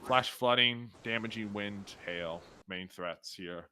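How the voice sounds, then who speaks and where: A man's voice: on the low side, takes it slowly, crowd noise. A man hosting live weather commentary on a storm stream, hesitant with many fillers and restarts.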